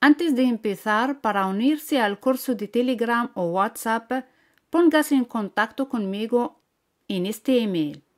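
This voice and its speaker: A woman teaching French to beginners, repeating each word and phrase slowly and patiently. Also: a little high, lively intonation. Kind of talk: slow language lesson with repeated model phrases.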